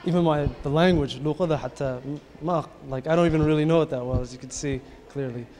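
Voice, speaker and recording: A young American-raised man with a slightly high voice answers interview questions, pausing and restarting as he searches for words. He speaks into a handheld mic in a plain indoor room. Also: a little mellow, a little hiss or hum. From United States.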